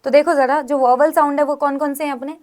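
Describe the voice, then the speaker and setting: Explaining grammar rules step by step, an Indian teacher often pauses to check that her students are following. Her voice sits high and steady, and she speaks at a quick pace.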